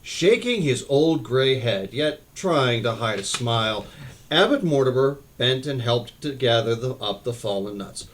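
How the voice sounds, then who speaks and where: Man narrating a storybook, lively pitch, animated delivery, small stumbles. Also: a little slow, slight background noise. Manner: expressive, occasional slips and restarts. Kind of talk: reading a book aloud.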